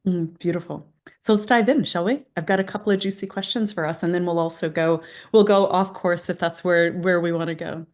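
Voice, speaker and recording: A woman's voice: on the low side, steady tone, fairly quick, a little mellow. A woman hosting an interview in an earnest, inspirational way, her speech slightly impeded by a new dental retainer. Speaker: interview host. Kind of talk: warm-up introduction and interview questions, partly scripted.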